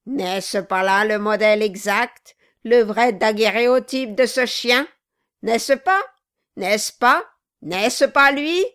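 A woman voicing a violent, mocking male dwarf who shouts harsh, taunting questions in an audiobook. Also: fairly high pitch, a little slow, smooth, pitched above the performer's own voice. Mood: menacing.

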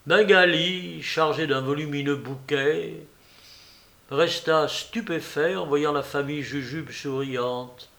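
A man narrates a novel aloud in a steady, measured way. His voice sits a little high for a man. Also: vocal fry. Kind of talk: audiobook reading of a novel.

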